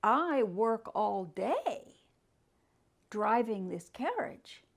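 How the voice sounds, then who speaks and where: A woman's voice: big pitch swings, extremely slow, exaggerated voice. A woman voicing a hard-up man who drives a horse carriage, by turns barking and weary. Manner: barking orders, then tired and low. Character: struggling male carriage driver, stern then weary.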